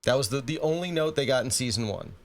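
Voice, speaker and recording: Male podcast co-host, mid-pitched, chatty and filler-heavy. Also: animated, fast. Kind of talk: casual chat.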